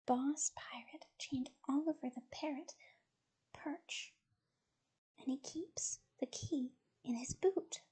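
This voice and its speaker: A woman's voice: sits high, slow pace, warm tone, in a whisper. A woman reading a spirited old grandma. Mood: weary.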